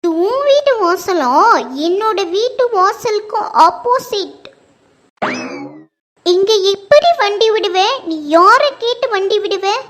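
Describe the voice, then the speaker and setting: A woman's voice: very high-pitched, animated, slow pace, fairly bright tone, slight background noise, heavily acted. A woman voicing a bossy, quarrelsome old woman neighbour who scolds and threatens. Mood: angry scolding.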